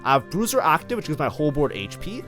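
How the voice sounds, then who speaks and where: A man's voice: on the high side, very animated, fast talker, a bit bright, soft background music. A man casually commenting on his own strategy game match as a streamer, talking in a loose, chatty way full of fillers. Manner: chatty, lots of fillers like "like, you know".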